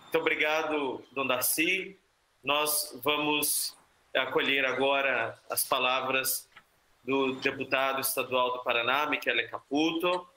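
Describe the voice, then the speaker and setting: A man with a Brazilian Portuguese accent moderating a seminar, making measured, courteous announcements over an online call. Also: medium pitch, fairly even intonation, sharp tone, a little hiss or hum. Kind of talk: formal event moderation. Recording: echoey room.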